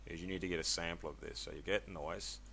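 Man, casual tutorial narration, bright edgy tone, faint background hiss, chatty and self-correcting. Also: deep voice, fairly even intonation, fast talker, creaky. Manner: chatty, loose, with many ums and self-corrections. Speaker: software tutorial maker. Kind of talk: casual screen-recorded tutorial.

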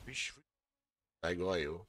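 A man with a Brazilian accent giving casual, excitable live gameplay commentary, teasing as he goes. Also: sits low, slow pace, very noisy. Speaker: game streamer. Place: indoors at a streaming setup.

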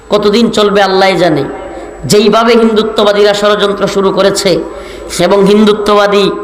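A man from Bangladesh preaching a sermon, rhetorical and building to shouted emphasis. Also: high voice. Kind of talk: Bengali waz sermon. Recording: echoey hall with faint noise.

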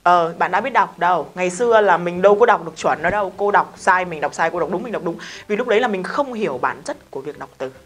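A woman's voice: on the low side, animated, quick pace, few pauses. Chatty woman teaching English. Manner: chatty, emphatic, talks straight to students with questions. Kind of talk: casual spoken lesson.

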